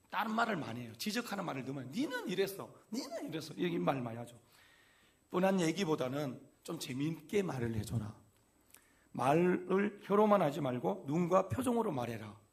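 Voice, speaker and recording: A male pastor delivers a folksy sermon, slipping into little acted-out quotes of everyday talk. His voice is gravelly with fry and sits slightly high for a man. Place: church sanctuary.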